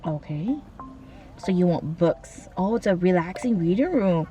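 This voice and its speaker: Gushing, lively young woman vlogger. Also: lowish voice, unhurried, background noise. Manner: gushing and animated, slangy. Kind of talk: casual vlog chat.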